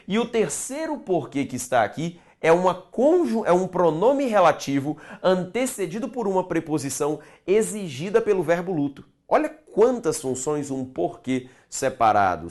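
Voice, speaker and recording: Man, grammar teacher, lively pitch, slightly high voice, emphatic, rhetorical questions. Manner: stretches key words slowly. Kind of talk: video lesson for exam candidates.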